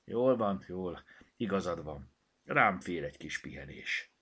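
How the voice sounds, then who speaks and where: Man playing a fussy old granny in a storybook, mumbly, kinda husky, raised voice. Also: sits low, lively intonation, a bit bright, heavily acted. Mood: gentle. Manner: mumbling, fretful. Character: fussy, absent-minded kindly old grandmother.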